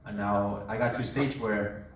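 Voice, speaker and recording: A young man from Colombia giving a casual personal testimony, a relaxed storyteller who jokes as he talks. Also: on the low side, normal speed, distant mic, a little hiss or hum. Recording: echoey room, voice away from mic.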